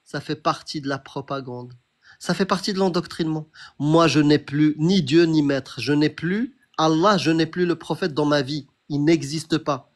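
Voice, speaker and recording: A young man with a fairly high voice and moderate pace hosts a debate stream, caught up in a heated argument about religion. He presses his point insistently and challengingly, calling the other person "frérot," like a brother.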